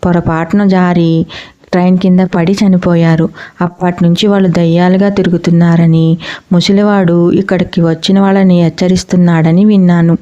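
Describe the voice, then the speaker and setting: A woman's voice: fairly low pitch, flat delivery, moderate pace, mellow, lightly acted. A woman voicing a humble young male station boy who speaks politely and deferentially, in a dull lo-fi recording.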